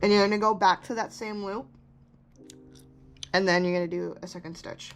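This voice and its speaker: A woman's voice: medium pitch, steady tone, moderate pace, faint music behind. A woman casually talking through a craft tutorial step by step, rambling and correcting herself, chewing gum as she talks. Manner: chatty, rambling, self-correcting asides.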